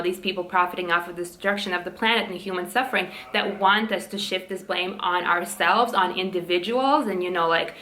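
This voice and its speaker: A woman's voice: mid-range voice, pushed and bright. A young woman from Latvia, talking passionately in a casual vlog, full of fillers and restarts. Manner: impassioned, rapid with many fillers. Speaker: vlogger.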